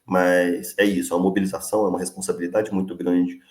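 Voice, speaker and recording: A young man with a cold speaks in earnest, plain-spoken phrases full of small fillers. His voice sits very low. The room around him is echoey. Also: little pitch movement, quick pace, darkish tone. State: sick with a cold, coughing. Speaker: delivery worker organizer, guest. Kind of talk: casual live interview.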